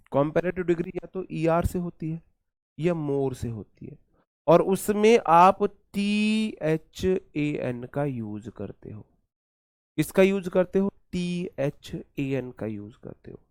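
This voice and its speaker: A man's voice: a little high, smooth, no echo. Man teaching grammar in a dry room. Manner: repeats words slowly to drill pronunciation, calls students "brother". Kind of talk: exam-prep lecture.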